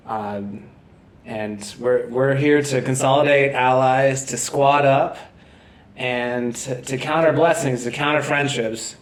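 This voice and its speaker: A man hosting a casual podcast, excited and halting, with lots of fillers and restarts. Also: medium pitch. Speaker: podcast host. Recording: echoey room.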